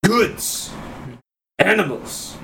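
A man's voice: high voice, animated, drawn-out words, full character voice. A man voicing a formal, flowery, profit-minded merchant in a tabletop fantasy game. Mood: courtly, persuasive. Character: courteous, profit-minded exotic trader, theatrically grand. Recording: distant mic with clear background noise.

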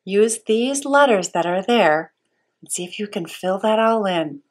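A sweet, patient Sunday school teacher with a medium-pitched voice and lively intonation gives young children a Bible lesson, asking simple questions and pausing.

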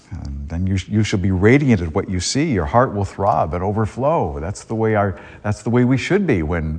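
Man, priest, church sermon and scripture reading, husky voice, long cathedral reverb. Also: low-pitched, a little mellow. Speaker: priest giving a gospel reading and homily.

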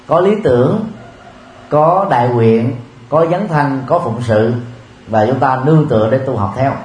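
Guy giving a buddhist dharma talk, slow measured, lots of little pauses, roomy sound w a bit of noise. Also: mid-range voice, a little mellow. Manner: measured, with frequent filler pauses. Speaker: Buddhist teacher. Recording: roomy with faint ambient noise.

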